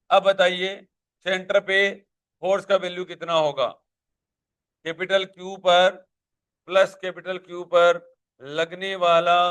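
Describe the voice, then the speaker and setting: A man's voice: high-pitched, fairly bright tone, clean tone. A male physics teacher with a Hindi accent giving a live classroom lecture, questioning students and pushing them to answer aloud.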